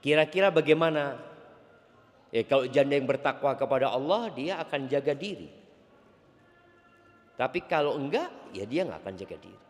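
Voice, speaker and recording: Male preacher, expressive and playful sermon style, recorded with echoing hall reverb. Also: mid-range voice, normal speed, pauses often. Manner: animated, playful asides to the congregation.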